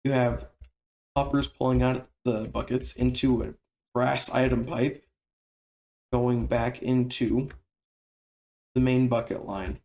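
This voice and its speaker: Casual male game tutorial narrator, mid-range voice with noticeable vocal fry, relaxed and chatty. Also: mid-range voice, takes it slowly, long pauses. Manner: relaxed, conversational explaining.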